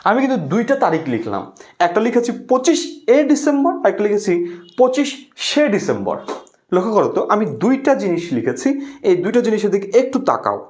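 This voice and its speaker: A man teaches an online class in a high voice with wide pitch swings, very animated and rapid-fire. He drills key words by repeating them and keeps prompting students to comment and answer.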